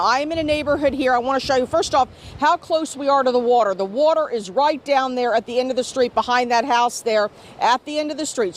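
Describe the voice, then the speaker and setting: A woman field reporter giving an emphatic, descriptive live news report from outdoors on a storm-hit street. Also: high-pitched. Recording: outdoor noise from street location.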